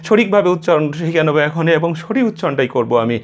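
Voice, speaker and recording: A man's voice: on the high side, lively intonation, fast, muffled recording. A man with a Bangladeshi Bengali accent giving a spoken English pronunciation lesson, patiently repeating each letter sound three or four times.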